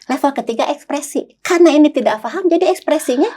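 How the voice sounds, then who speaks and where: An older woman psychologist talks in a podcast conversation, telling stories animatedly and acting out her clients' voices. Her voice is high, expressive and dark in tone, and she speaks at a quick pace.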